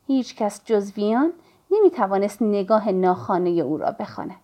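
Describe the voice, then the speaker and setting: A woman narrating a novel in the first person, telling the story at a measured, steady pace. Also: mid-range voice. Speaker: audiobook narrator.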